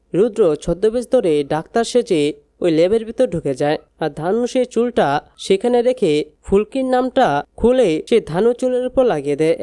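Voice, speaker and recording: A woman quickly recapping a TV serial's plot, reading the characters' lines in her own plain voice. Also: medium pitch, warm tone, dry recording. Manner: rapid storytelling, reads characters' lines in a plain voice. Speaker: gossip channel narrator.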